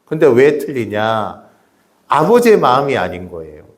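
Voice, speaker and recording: A man's voice: mid-range voice, big pitch swings, normal speed. A middle-aged man preaching a sermon in a church, keeping up rhetorical questions and calling out to members of the congregation. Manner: chats directly with the congregation. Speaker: pastor. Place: church sanctuary.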